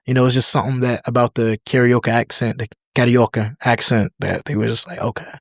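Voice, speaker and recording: A gravelly, fast, medium-pitched voice comes from a young American man on a podcast, chatting casually in an interview. He's relaxed and filler-heavy, saying "like" and "you know" everywhere and dropping into other languages, recorded on a dry mic with no room sound.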